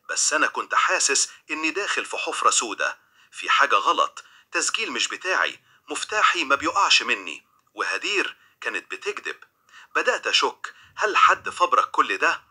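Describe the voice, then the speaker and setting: Bright, husky Egyptian storyteller. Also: male voice, mid-range voice, very animated, brisk. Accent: Egyptian Arabic. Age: young adult. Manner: dramatic, tense. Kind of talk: scripted first-person crime narration.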